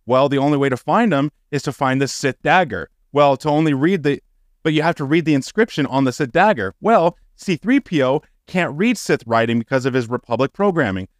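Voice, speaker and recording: A man's voice: animated, brisk, no room sound, studio quality. A man co-hosting a casual podcast, swearing freely and breaking into exasperated rants. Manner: profane, ranting, gets loud and high when exasperated. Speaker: podcast co-host.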